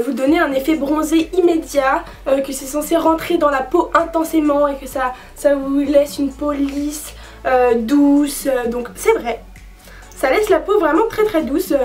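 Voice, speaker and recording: A young woman with a high, bright voice chats frankly through a beauty product review, filling pauses with hesitations. She sits a bit back from the microphone, and faint music plays underneath. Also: distant mic. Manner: chatty, frank, many fillers. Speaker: beauty vlogger.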